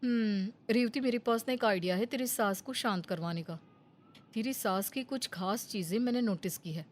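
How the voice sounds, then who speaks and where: A woman's voice: mid-range voice, moderate pace, close to an everyday voice. A woman voicing a young female friend in a storybook tale, confiding a playful plan. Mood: conspiratorial. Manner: confiding, conspiratorial. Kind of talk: Hindi storybook voice acting.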